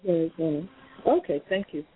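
A woman's voice: low voice, animated, moderate pace, husky. A woman calling in to a radio show over a phone line, asking brief, polite questions. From United States. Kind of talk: call-in question.

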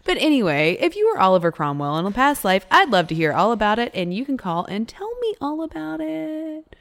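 A woman's voice: a little high, big pitch swings, fairly quick, no room sound, clean studio sound. Bubbly female podcast co-host with a cold. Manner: bubbly, jokey. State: getting over a cold. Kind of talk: casual chat.

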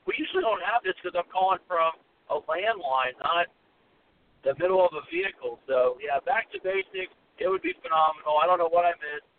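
A man's voice: high voice, animated, brisk. A man calling in on speakerphone from a car, chatting casually and apologizing for the connection. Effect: speakerphone call from a car. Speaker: podcast guest calling in. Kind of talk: casual chat. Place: inside a rental car. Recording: tinny phone line with faint noise.

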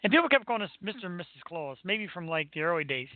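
A man's voice: high-pitched, sing-song, racing, narrow, tinny audio. An American man chatting casually as a talk show host, in a rambling, playfully boastful way. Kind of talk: casual chat.

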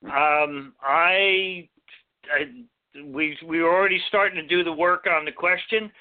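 A man calling in to a talk show on speakerphone, speaking casually with halting restarts. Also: on the high side. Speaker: caller. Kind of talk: casual call-in chat. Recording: tinny speakerphone call.

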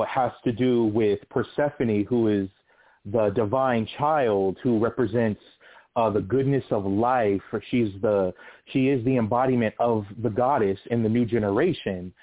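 Caller heard over a thin phone line: a man from California, mid-pitched, earnest and explanatory. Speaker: radio show caller. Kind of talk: call-in radio discussion.

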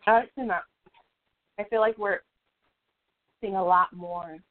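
A woman's voice: medium pitch, steady tone, measured pace. Woman, co-host, casual chat, laughs often, swears, tinny phone-like sound. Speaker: podcast co-host.

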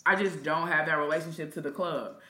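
A woman's voice: low-pitched, steady tone, fairly quick, pushed and bright. A woman hosting a casual chat, candid and slangy as she tells stories. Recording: echoey room sound.

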